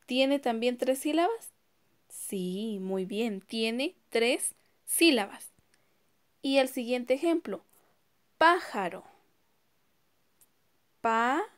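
A slow-paced woman teacher speaks in a fairly high voice. She breaks words into syllables one at a time and asks her pupils questions as she goes. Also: animated. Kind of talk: recorded online class.

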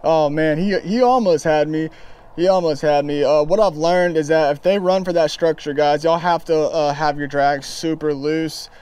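A young man talking casually and excitedly while fishing from a kayak, recorded on an action camera outdoors. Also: fairly high pitch, moderate pace, smooth. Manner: excited, chatty, says man and guys a lot. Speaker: fishing vlogger. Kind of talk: casual outdoor vlog commentary. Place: kayak on open water under a bridge. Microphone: action camera on chest and pole.

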